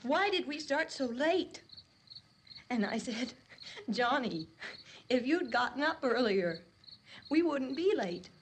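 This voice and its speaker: Shell-shocked young woman, high halting voice, slow, hissy old film sound; 1960s horror. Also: very animated, exaggerated voice. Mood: dazed. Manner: halting, dazed, breaking into hysterical crying.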